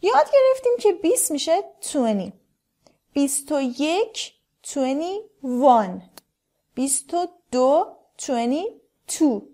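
A woman teacher giving an English lesson to learners, explaining fast and then saying model words slowly and deliberately. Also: extremely high pitch, sing-song, dark tone.

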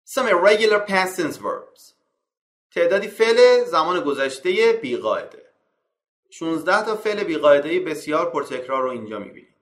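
A man teaches English grammar in an echoey room, reading each rule slowly and then explaining it in casual Persian. His voice is bright and sits a little high. He calls out example verbs on an even higher, animated note. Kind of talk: slide-based grammar lesson.

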